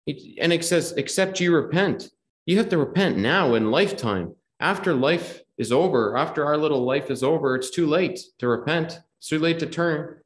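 A man preaching a gospel sermon in a hall, earnest and repetitive, quoting scripture in old wording. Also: mid-range voice. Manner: earnest, repeats key phrases, quotes scripture in old wording. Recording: echoey hall.

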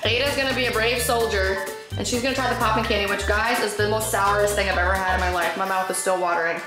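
A woman's voice: medium pitch, fairly even intonation, fast. A woman in her thirties chatting casually on a family vlog, playful, teasing and giggly. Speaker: mother, family vlogger. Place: tiled room at home. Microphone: handheld camera at arm's length. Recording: echoey room, music over the talk.

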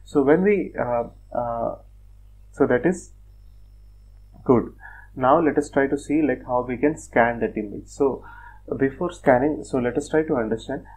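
Man calmly walking through a screen demo. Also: mid-range voice, measured pace, long pauses, breathy edge, poor audio. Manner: plain, methodical, frequent "uh" and "like" fillers. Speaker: software tutorial presenter. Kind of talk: screen-recorded technical walkthrough.

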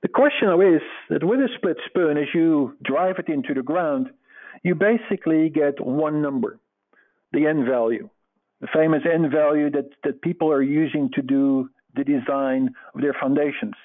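A middle-aged Dutch man with a Dutch accent presents an earnest, explanatory webinar lecture over slides, using frequent fillers. His fairly high voice moves at a moderate pace, and the audio is tinny and phone-like.

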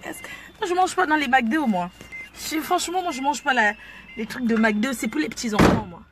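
A woman's voice: high-pitched, normal speed. A woman vlogging from inside her car at a drive-through, chatting boisterously and mixing French with pidgin English. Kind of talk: casual self-filmed car vlog. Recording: noisy car ambience. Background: car and engine noise.

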